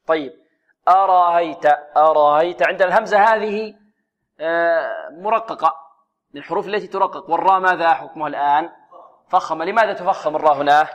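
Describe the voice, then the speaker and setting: A man's voice: on the high side, fast talker, fairly bright tone, lo-fi sound. A man teaching a Quran recitation class, drilling letter sounds and asking his students questions that he then answers himself. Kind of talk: tajweed lesson.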